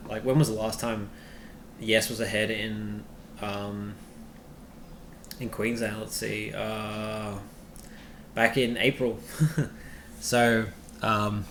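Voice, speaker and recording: A man giving informal, unscripted commentary in a halting, hesitant way, recorded on a cheap old webcam microphone. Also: lowish voice. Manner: halting, hesitant delivery with repeated words. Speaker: video host and poll commentator. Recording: cheap old webcam mic, echoey, faint noise.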